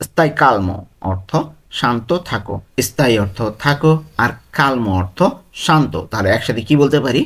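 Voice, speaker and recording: A man at a middle pitch leads a step-by-step vocabulary lesson. He works through it slowly and patiently, saying each word more than once. He poses a question and then answers it himself. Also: a bit bright. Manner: slow, repeats each word and meaning, asks and answers his own questions. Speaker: language tutor.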